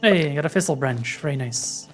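A video game player chats casually through a let's-play in a playful, self-directed way. The pitch moves around a lot from a middle register. Music plays clearly behind the voice. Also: animated, brisk. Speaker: gaming streamer playing and commenting.

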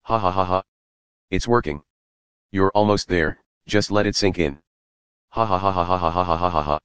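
A man's voice: low-pitched, moderate pace, clean tone, no room sound, muffled recording, natural voice. A man playing a menacing zombie general, a gloating, commanding mad-scientist villain in an audio drama.

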